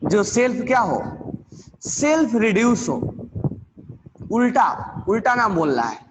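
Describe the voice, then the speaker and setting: A man teaching chemistry in a classroom lecture, with terms, repeating key words slowly and quizzing his students. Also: sits high, sing-song, long reverb tail, background noise.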